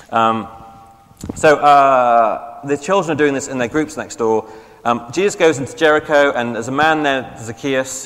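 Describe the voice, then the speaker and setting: A man's voice: mid-range voice, a bit bright, big-room sound. A man preaching a sermon in a casual, conversational way, with fillers and restarts and questions to the congregation. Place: church.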